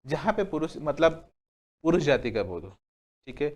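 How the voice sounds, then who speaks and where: A man's voice: on the high side, sing-song. Man drilling grammar rules with questions. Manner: asks the class questions and answers them himself, repeats "ठीक है" often; lists examples slowly, word by word. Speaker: Hindi grammar teacher. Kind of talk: exam-prep grammar lesson.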